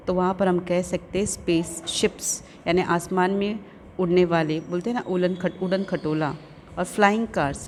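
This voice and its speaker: A woman's voice: lowish voice, a little mellow, a little hiss or hum. A woman teacher with an Urdu-speaking Indian accent, explaining an English lesson and carefully sounding out English words, repeating each one.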